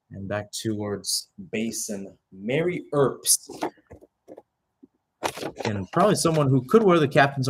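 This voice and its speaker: With a breathy, mid-range voice, this young adult man narrates soccer action live, radio style. He is a play-by-play commentator who keeps his phrases short and clipped, slipping in asides and fixing his own mistakes.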